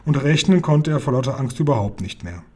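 A man voicing a brisk, self-assured young girl who explains things firmly in a storybook reading. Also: medium pitch, lively intonation, darkish tone, close to an everyday voice.

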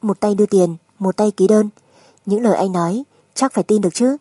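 A woman narrator plays a wife who has made up her mind in a dramatic audiobook. Her voice is mellow and slightly husky, recorded very dry. She stays composed, firm and insistent. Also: medium pitch, brisk, no echo, pitched above the performer's own voice, lightly acted. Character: resolute, composed young wife demanding a divorce.

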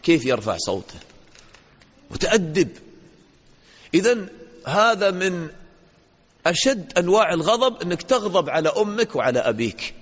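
Sheikh teaching kids in a hall. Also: male voice, sits high, big pitch swings, moderate pace, pauses often. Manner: questions pupils, praises answers, acts out dialogues. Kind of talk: interactive religious lesson. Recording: dull lo-fi audio in a reverberant hall.

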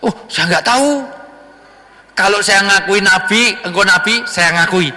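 A man doing a shrill, shifty young liar. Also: measured pace, heavily acted. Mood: evasive. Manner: excited high exclamations, shifty denials. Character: greedy, lying young man of old. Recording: long hall reverb.

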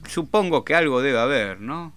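A man's voice: medium pitch, animated, normal speed, a bit bright, clean tone, dry recording. A man with an Argentine accent hosting a talk show, rambling and joking in casual chat. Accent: Rioplatense Argentine Spanish. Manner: rambling, jokey, self-amused. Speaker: radio show host.

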